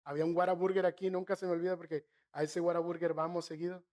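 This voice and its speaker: Man, northern Mexican accent, pastor preaching, high voice, slows for emphasis. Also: level tone. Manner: storytelling with asides to the congregation; slows and softens to stress key phrases. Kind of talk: sermon.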